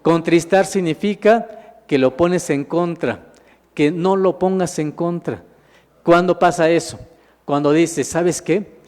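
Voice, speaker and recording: Speaking slowly in a fairly high, darkish voice, this minister gives a slide-based Bible teaching. He addresses listeners as "hermanos," asks them questions, and supplies the answers himself as his words echo through a large hall.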